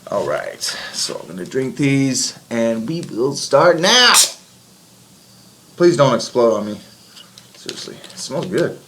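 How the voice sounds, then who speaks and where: A man's voice: medium pitch, sing-song, slow, a bit bright, slight background noise. A man chatting casually to the camera as a vlogger.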